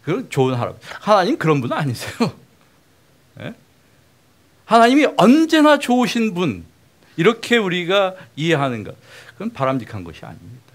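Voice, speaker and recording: A middle-aged man preaching in a lecture-style sermon, talking with his congregation in a plain, conversational way. His voice sits a little high for a man. He keeps asking them questions as he teaches. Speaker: pastor.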